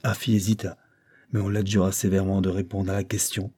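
A man narrates a classic novel in a low, dark and mellow voice. His tone is husky rather than clear, and he lifts his pitch to play the courtroom questioners. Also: little pitch movement, brisk. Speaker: audiobook reader.

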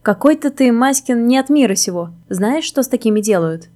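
A woman's voice: on the high side, expressive, a little fast, darkish tone, natural voice. A woman voicing the World as an arrogant, scheming male figure in a storybook reading, haughty and condescending. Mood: mocking.

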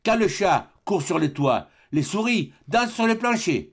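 A man's voice: high-pitched, very animated, normal speed, slightly rough, voice pushed up, full character voice. A man doing a sly old miser. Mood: sly mocking.

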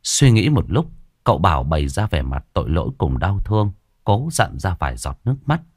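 Deep-voiced man telling a ghost story. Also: big pitch swings, a little fast, a little mellow, no echo, studio quality. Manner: dramatic storytelling.

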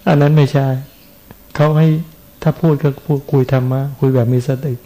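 Middle-aged monk giving a chatty sermon, kinda high voice but mellow, keeps asking the crowd stuff. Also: male voice, steady tone, normal speed, poor audio. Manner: conversational, asks listeners questions. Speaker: Buddhist monk giving a dharma talk.

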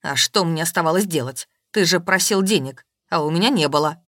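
Woman doing a capricious rich lady, snappy and loud, dry close recording. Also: brisk, no echo. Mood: indignant. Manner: capricious and shrill. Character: capricious, wealthy, quick-tempered woman.

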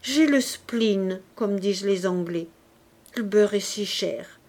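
A woman's voice: medium pitch, slow pace, a little mellow. A woman reading a flighty complaining young woman. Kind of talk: audiobook reading.

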